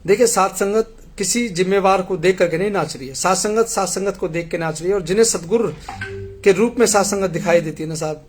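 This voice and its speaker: A man with a fairly high voice hosts a live stream. He reads viewer messages aloud and answers them earnestly, arguing his point and speaking straight to his audience. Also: a little fast, soft background music. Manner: earnest, argumentative, addresses viewers directly. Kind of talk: casual live commentary reading messages.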